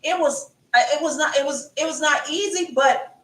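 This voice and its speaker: A woman's voice: high-pitched, moderate pace, fairly bright tone. A middle-aged woman co-hosting a casual chat show, rambling and repeating herself as she tells stories. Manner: rambling, repeats phrases, casual Southern-style grammar. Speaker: podcast co-host. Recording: roomy and distant from the mic.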